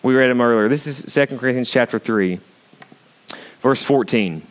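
Male pastor mid-sermon, middle pitch, quiet conversational asides that climb into emphatic preaching. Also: normal speed. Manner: swings between hushed intimate asides and rising emphatic preaching. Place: church.

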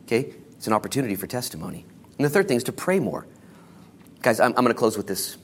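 An American man preaching an informal sermon as a pastor, exhorting in casual, slangy language and shifting between hushed and emphatic delivery. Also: medium pitch, big pitch swings, fast, a little hiss or hum. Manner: casual, colloquial, exhorting, with slangy asides and acted-out quotes.

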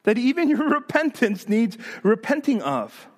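A male pastor preaching a sermon in an animated, emphatic way, acting out the voices of the people he quotes. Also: very high voice, measured pace.

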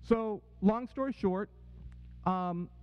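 A man with a high, clean-toned voice speaks slowly to a congregation, sharing a personal testimony and checking in with "right?" and "okay?". The hall gives the recording a dull, echoey sound.

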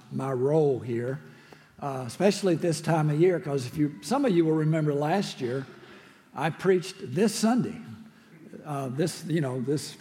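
A man with a raspy, gravelly voice preaching a sermon as a church minister, in a reflective, halting way. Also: fairly high pitch, warm tone. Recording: long hall reverb.

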